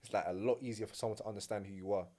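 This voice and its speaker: A young adult man, a podcast guest, explaining things in relaxed casual chat, full of "like" and "innit". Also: lowish voice, rapid-fire.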